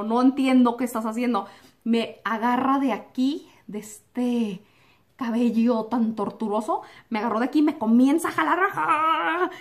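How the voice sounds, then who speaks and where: Young woman vlogger, lively storytelling, voice sits a bit high, acts out the scenes. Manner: animated, acts out quotes and sound effects like "pum"; drops English words into Spanish. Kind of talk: personal storytelling to camera.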